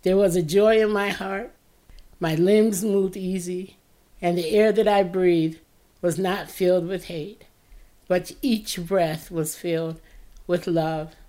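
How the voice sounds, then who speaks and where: A woman narrates her own story in a slow, measured read, her voice low-pitched and worn with tiredness. She delivers it as scripted first-person narration, reflective and earnest. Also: steady tone, dark tone. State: tired-sounding voice. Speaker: podcast host.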